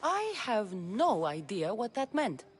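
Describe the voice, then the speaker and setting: A woman's voice: mid-range voice, very animated, takes it slowly, faint music behind. An actress playing a dry-witted, blunt female warrior in a video game. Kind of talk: video game character dialogue.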